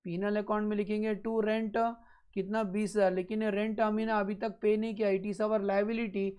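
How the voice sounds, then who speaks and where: A male accounting teacher lecturing a class. He repeats each step slowly and keeps checking that the students are following. Now and then he drops a blunt, joking aside. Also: sits high, flat delivery, darkish tone, clean tone.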